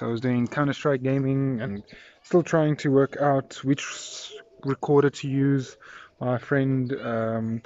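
A man's voice: medium pitch, darkish tone, slight background noise. Rambling South African man, phone selfie vlog. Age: 20s. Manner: rambling, filler-heavy and friendly. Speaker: vlogger. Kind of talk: casual vlog chat. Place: outdoors in a residential yard. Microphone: phone at arm's length. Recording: slightly dull phone recording.

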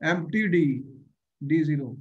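A middle-aged man with a North Indian accent and a notably high voice tutors over a video call. He repeats key phrases and keeps checking with questions. The sound is slightly dull and muffled. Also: lively intonation, measured pace, husky. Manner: repetitive, questioning, often addressing the learner. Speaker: chemistry teacher. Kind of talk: online tutoring lesson. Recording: dull, muffled online-class audio.

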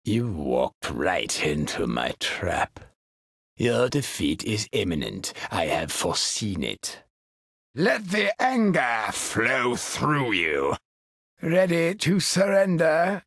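A man playing a sinister, gloating old emperor in a video game, with a raspy, croaking voice and a menacing, theatrical drawl. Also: medium pitch, wildly swooping pitch, slow, a bit bright, no room sound, studio quality, exaggerated voice. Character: sinister, gloating old male galactic emperor, cruel and imperious. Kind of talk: video game villain acting.

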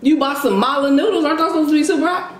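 A woman's voice: high-pitched, rapid-fire. A woman in her thirties talking casually while eating a meal. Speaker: co-host of mukbang video. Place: indoor room at a table, eating. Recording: echoey room, faint noise.

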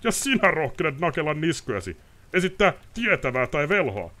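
A man reading aloud and voicing a furious, frightened nobleman in a high, loud, ranting voice. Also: very animated. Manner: shouting, ranting, pleading. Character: furious panicking male nobleman.

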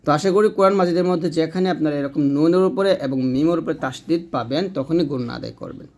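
A man's voice: a little high, fast talker, darkish tone. A man teaching Quran reading step by step, patiently repeating and demonstrating letter sounds. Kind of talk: step-by-step lesson.

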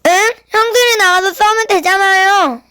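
A woman plays an obedient but brave shepherd boy in a children's Bible play. The voice is high and close, with an earnest, declaiming delivery. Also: moderate pace, sharp tone, no room sound. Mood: eager, questioning.

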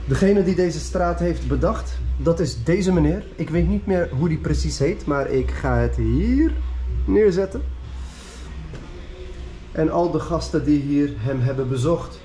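A young man excitedly narrating a walking tour of a street to his viewers, filmed on a handheld action camera outdoors. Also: mid-range voice. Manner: enthusiastic, chatty, addresses viewers directly. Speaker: vlogger, tour guide. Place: outdoor narrow city street with murals, walking.

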